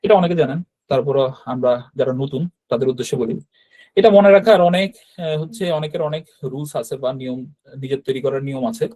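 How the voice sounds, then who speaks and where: A man's voice: medium pitch, fast talker, dark tone, low-quality recording. A man teaching a beginner online language class, explaining step by step and checking in with students with a frequent "right?". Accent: Bangladeshi Bengali.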